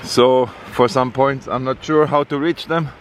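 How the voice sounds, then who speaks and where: Male travel vlogger, unhurried and halting with fillers, outdoors with faint noise behind. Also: medium pitch, fairly even intonation. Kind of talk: casual vlog narration. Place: outdoors on a rainy coast.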